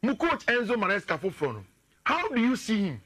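A man in his thirties with a Ghanaian English accent giving animated football analysis in a radio studio, standing and gesturing at a screen. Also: high voice, brisk.

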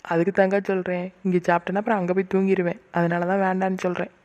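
A playful young aunt in a cartoon, played by a woman, talking quickly and soothingly. Her voice sits a little low and sounds warm and mellow. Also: flat delivery, highs cut off, close to an everyday voice.

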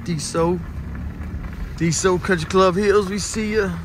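A man's voice: high-pitched, fairly even intonation, slow pace, background noise. A man in his forties with a Chicago accent, talking casually and slangily to a phone held at arm's length while touring houses and bars. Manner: laid-back, slangy street talk. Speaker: vlogger. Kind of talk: casual vlog tour. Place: various, car, bar and indoors.

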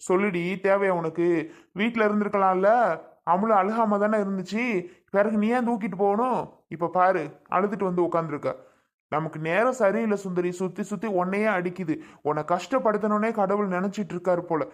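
A woman's voice: mid-range voice, brisk, natural voice. A woman playing an older female relative, comforting and firmly advising in a family comedy skit. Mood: consoling. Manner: consoling, firm. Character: older female relative, consoling but firm.

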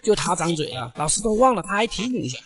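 Casting: performer as excitable student gamer for game cartoon skits, lively swinging intonation, Mandarin internet slang. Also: medium pitch, fast talker. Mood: sly. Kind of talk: comedy skit voice acting.

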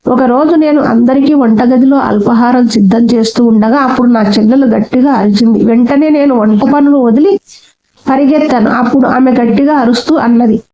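A woman narrating a sad story in the first person, slow and sorrowful. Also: on the high side, warm tone, lo-fi sound.

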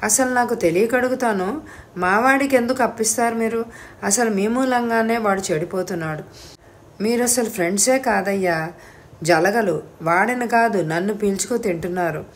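Woman reader doing a bald, bullying older tycoon, loud and scolding, audiobook figure. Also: lowish voice, moderate pace, close to an everyday voice. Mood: interrogating. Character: hot-tempered heavyset bald older rich man.

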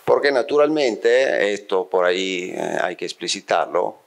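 In a small room lined with bookshelves, a middle-aged man from Italy gives a university-style lecture to a seated audience, holding a handheld microphone close. His very low voice is expressive and gravelly. He thinks aloud and keeps pausing to ask his listeners whether they're following.

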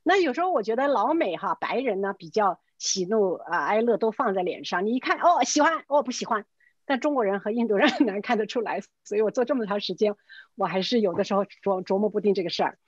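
Husky-voiced woman telling anecdotes. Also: mid-range voice, quick pace, no room sound, highs cut off. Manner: lively, acts out quoted dialogue; mixes English words into her speech. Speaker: real estate agent telling stories. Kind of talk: casual storytelling talk. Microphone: video call.

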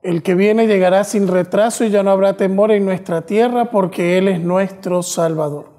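Cathedral-like echo, male priest, mellow voice, solemn liturgical address, measured phrasing. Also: high-pitched, fairly even intonation. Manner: measured, reverent delivery in short phrases. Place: small chapel, indoors, at the altar. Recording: long cathedral-like echo in chapel.

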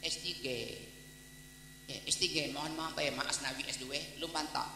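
A man's voice: on the high side, moderate pace, noisy background. A man preaching a humorous sermon in a Palembang Malay accent, telling stories and acting out dialogue. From Palembang, Indonesia. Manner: lively storytelling, mimics dialogue, breaks into song snippets. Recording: echoey hall with long reverb.

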